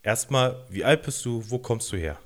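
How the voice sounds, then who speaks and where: A man's voice: medium pitch, lively intonation, moderate pace. A man hosting a podcast, asking questions in a casual, teasing and joking way. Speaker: podcast host.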